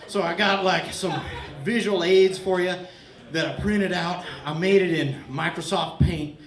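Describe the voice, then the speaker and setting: A man doing a loud, rambling stand-up set in a bar, mock-earnest and bantering with the crowd, a little out of breath. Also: high-pitched, measured pace. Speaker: stand-up comedian. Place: bar stage with laughing crowd. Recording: echoey bar room, crowd laughter.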